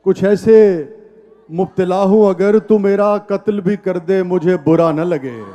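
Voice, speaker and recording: A man reciting tender romantic ghazals at a live poetry gathering, declaiming each line slowly and repeating it. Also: high-pitched, mellow. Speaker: poet reciting at a mushaira.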